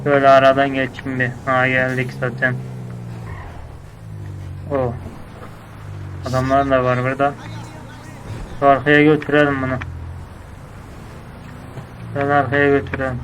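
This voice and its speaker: A man's voice: medium pitch, completely flat delivery, normal speed, pauses often, a bit bright, a little hiss or hum, rough recording. A man acting out a casual game roleplay, bossing his crew around in scolding, slangy street talk.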